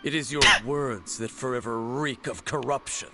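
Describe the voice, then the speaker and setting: A man's voice: medium pitch, moderate pace, bright, forceful tone, faint music behind. A man playing a grave, stoic, mysterious swordsman in an anime game dub, speaking solemnly and formally. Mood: stern warning.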